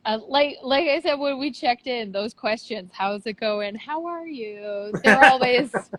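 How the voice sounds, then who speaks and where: A puppet theater director, guesting on an online video interview via phone or laptop, chats in an upbeat, cheerful way. Her voice is on the high side and unhurried, with a noisy background as she moves between the theater's outside and its lobby.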